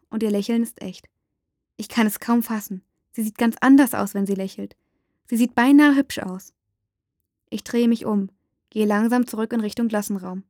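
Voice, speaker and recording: A woman's voice: mid-range voice, dry recording, clean studio sound. Woman reading a dramatic first-person story. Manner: dramatic, rising to shouts in dialogue. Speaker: narrator.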